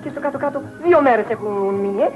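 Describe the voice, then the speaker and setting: A stammering, flustered cousin. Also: male voice, very high voice, lively intonation. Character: nervous, flustered middle-aged male cousin. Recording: dull old film soundtrack with music.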